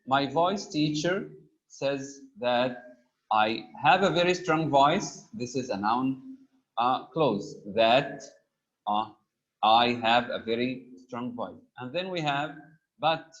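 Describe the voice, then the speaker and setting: A man with a medium-pitched voice teaches a grammar lesson, reading example sentences slowly, stressing each item, and pausing on frequent "uh" fillers. The recording is dull and lo-fi.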